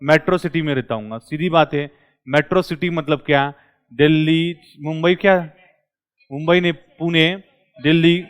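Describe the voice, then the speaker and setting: A male commerce tutor, lecturing a classroom and quizzing his students with quick questions. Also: fairly high pitch, clean tone.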